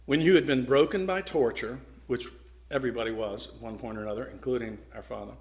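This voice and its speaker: Speaking to a club at medium pitch, a middle-aged guest speaker delivers his remarks earnestly and with emphasis, breaking off for dramatic pauses and occasionally starting a sentence over.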